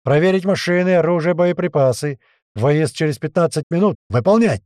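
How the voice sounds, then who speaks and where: A man voicing a gruff male squad leader who barks orders at his fighters. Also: on the high side, lively intonation, fairly quick, mellow, no room sound, studio quality, voice pushed up. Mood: barking. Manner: barking orders.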